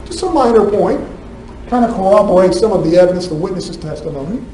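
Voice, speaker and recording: A man's voice: high-pitched, animated, fast, warm tone. A man giving a prosecutor's closing argument in a courtroom, arguing point by point and firing rhetorical questions at the jury. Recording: echoey courtroom, distant mic, faint room noise.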